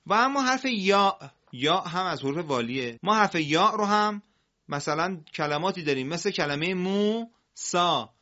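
A man teaching Quran reading on a broadcast, explaining patiently, asking students questions and drawing words out slowly. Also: high voice, lively intonation, pushed and bright, dull audio.

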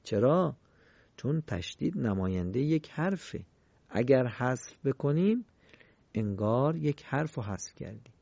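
A man teaching Quran recitation in a recorded lesson, explaining rules politely and chanting example words slowly and clearly. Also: mid-range voice, very animated, dark tone, no room sound, highs cut off. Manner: polite, formal teaching phrases.

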